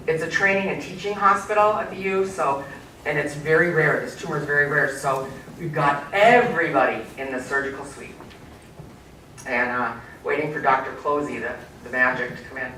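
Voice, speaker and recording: A middle-aged woman tells a story from a stage, animated and quizzing her audience as she goes. Her voice is bright and forceful. The sound rings around a large hall, picked up from some distance. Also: low-pitched, slight background noise. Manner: animated, asks the audience questions. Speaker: keynote speaker. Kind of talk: storytelling speech to a live audience. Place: community event hall. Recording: echoey hall, mic from far off.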